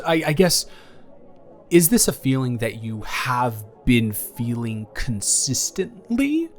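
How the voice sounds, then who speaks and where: A young man with a mid-range voice plays an awkward but caring ex-boyfriend in an improvised romantic audio roleplay, carrying an intimate one-sided conversation. His delivery is halting, earnest, and gently reassuring, with background music behind him.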